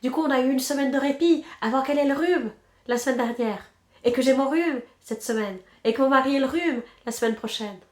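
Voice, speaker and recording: This woman in her thirties hosts a knitting podcast and has a stuffy nose from a cold. She chats casually and pokes fun at herself while knitting at home, trailing off as she counts stitches. Her voice sits high and brisk, and the sound is roomy.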